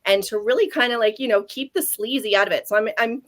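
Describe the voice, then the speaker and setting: A woman's voice: fairly high pitch, fast. Earnest Canadian woman in her forties. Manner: earnest, frequent restarts. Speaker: guest speaker. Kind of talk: casual webinar talk.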